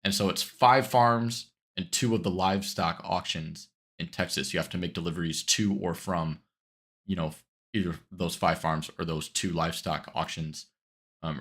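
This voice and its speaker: A man congested from a cold streams a driving game, rambling easily through casual commentary and correcting himself as he goes. His voice sits low with a fairly bright tone, and his manner is easygoing.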